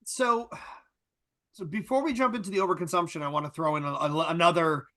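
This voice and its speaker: A man's voice: on the high side, a little fast, sharp tone. A man co-hosting a podcast, talking things through in a casual, explanatory way and often checking in with "right?". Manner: thoughtful, explanatory, repeats "right?". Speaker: podcast co-host. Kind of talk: casual discussion.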